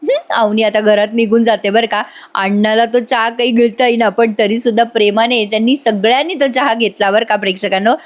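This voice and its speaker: A woman's voice: a little high, steady tone, fairly quick. Chatty woman narrating a recap. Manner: chatty, addresses viewers. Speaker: serial reviewer. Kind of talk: voice-over episode recap.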